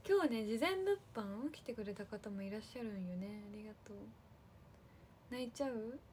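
A woman chatting on a livestream to her fans, casually thanking viewers one by one in a soft, friendly way. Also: on the high side, animated, normal speed, slight background noise. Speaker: idol livestream host.

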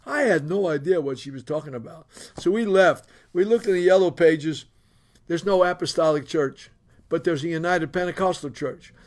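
A middle-aged man, a bishop, telling his testimony in an animated, boisterous storytelling manner. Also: a little high, normal speed.

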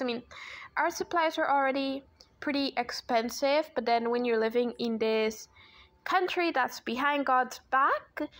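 Filmed from above so only her hands show, an art channel host from Guyana draws at an indoor desk. In her Guyanese accent, she talks casually and self-deprecatingly about art supplies, her high voice carrying a slight brightness.

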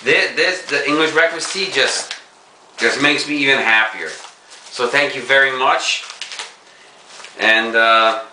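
A young man talking casually and crudely in an unboxing vlog, excitable and swearing freely. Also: medium pitch, slow pace, long pauses, recorded from a distance, background noise. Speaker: pipe-smoking video blogger. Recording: echoey room, from off-mic.

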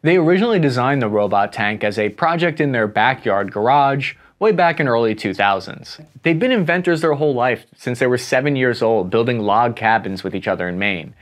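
A man's voice: mid-range voice, expressive, a little fast, hardly any pauses. A young man reading a scripted video-essay narration with wry, playful asides.

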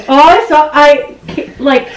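A woman's voice: sits high, expressive, drawn-out words. A woman co-hosting a casual vlog at home, laughing often while she strains through the poses. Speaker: vlog co-host. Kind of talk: casual chat. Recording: roomy, distant, noisy room sound.

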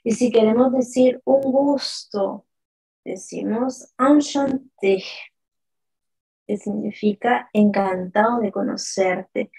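A woman teaching a live online French lesson, modelling words slowly and repeatedly and answering viewers from the chat by name. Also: fairly high pitch, mellow, slightly rough, low-quality recording.

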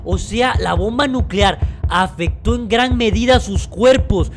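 A man giving excited gameplay commentary, with frequent dramatic, startled shouts. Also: high voice, unhurried, soft background music. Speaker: gaming YouTuber.

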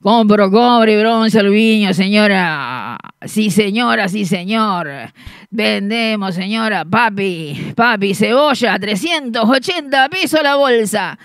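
A woman voicing a male street scrap dealer, who calls out his wares in shouted sing-song cries. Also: very high-pitched, animated, unhurried, few pauses, no echo, studio quality, voice pushed up, heavily acted. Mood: hawking.

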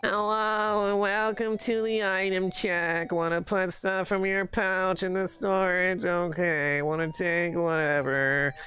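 A woman's voice: lowish voice, little pitch movement, takes it slowly, hardly any pauses, a bit bright, soft background music, voice pushed down. A woman voicing a bored, sarcastic female storage clerk in a video game, with an unenthusiastic manner.

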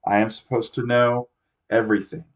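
A man's voice: medium pitch, level tone, normal speed, far from the mic, close to an everyday voice. A man reading the lines of an earnest teenage boy who insists he is in charge. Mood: insistent. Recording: dull lo-fi recording.

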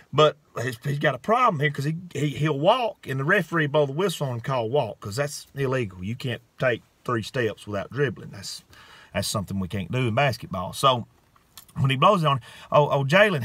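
A man's voice: medium pitch, a bit bright, husky, no room sound. Folksy man telling a funny story. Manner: folksy, drawn-out, frequent "okay?" asides. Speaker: host. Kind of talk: comedic storytelling monologue.

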